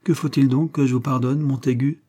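A man reading as a playful young heroine in an audiobook, dark husky voice nudged higher, teasing and quick to laugh. The sound is mellow and warm rather than bright. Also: fairly even intonation, natural voice. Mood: tender.

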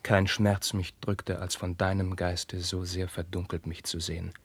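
An actor playing an anguished young prince, declaiming verse in a 1950s radio drama and swinging from hushed whispers to outbursts. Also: male voice, sits low, level tone, a little slow, husky, dry recording, full character voice. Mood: brooding. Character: young anguished prince, passionate, tormented by forbidden love.

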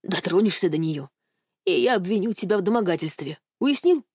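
A woman's voice: on the low side, animated, a little fast, darkish tone, slightly rough, dry recording, studio quality. A woman doing a stern hissing old grandfather. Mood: threatening. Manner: commanding, hissing.

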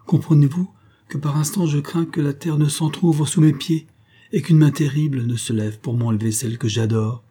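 A man's voice: fairly high pitch, steady tone, moderate pace, mellow, slightly rough, voice pushed up. A man reading an audiobook, voicing a fevered pastor who speaks earnestly and pleadingly. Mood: fervent. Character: tormented adult male pastor, fevered.

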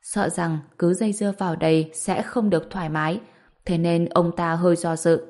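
A woman with a fairly low voice narrates a serialized novel. Her delivery is steady and story-like, and she raises her voice for the characters' dialogue. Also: normal speed. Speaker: audiobook narrator.

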